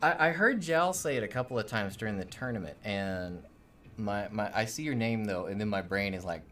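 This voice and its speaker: With a lowish, fairly bright voice and a brisk pace, this streamer co-host keeps things upbeat on a gaming livestream. He casually welcomes people in chat by name and frequently stumbles over how to say them. A faint hiss or hum runs underneath.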